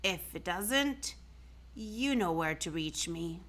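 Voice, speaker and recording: A fussy, baffled gentleman doctor from a storybook, played by a woman reading aloud. He speaks formally and takes his time over his words, pitched a little above the narration. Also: lively intonation, slow pace, heavily acted. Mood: matter-of-fact.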